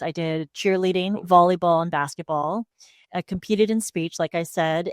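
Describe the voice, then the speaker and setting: A woman from Hawaii, a speech-language pathologist appearing as a guest, talks openly through her life story in a relaxed, casual interview. Her smooth, clear voice sits a little low, and she tells her story steadily. Recorded on a headset mic, the sound is dry and close with no echo.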